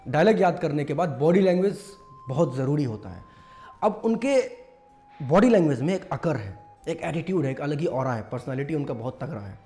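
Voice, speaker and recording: A man's voice: a little high, animated, a little fast, mellow, soft background music. A man casually teaching mimicry, explaining step by step with lots of fillers. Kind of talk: casual tutorial talk.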